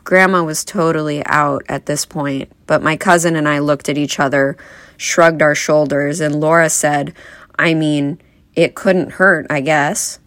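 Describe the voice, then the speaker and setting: Young woman, low voice, eulogy speech, wry gentle humor, dry close sound. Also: steady tone, measured pace, no room sound. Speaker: granddaughter giving a eulogy.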